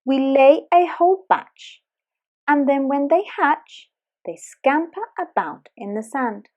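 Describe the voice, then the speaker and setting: A woman reading aloud, speaking as sea turtles in a hushed, whispery way. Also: sits high, lively intonation, slow pace, muffled recording. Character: sea turtles laying eggs on the beach.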